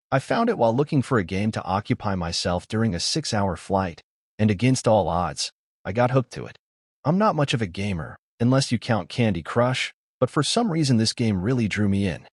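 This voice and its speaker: A man reading a scripted horror story aloud as narrator, with a lively, expressive delivery. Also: on the low side, no echo, clean studio sound.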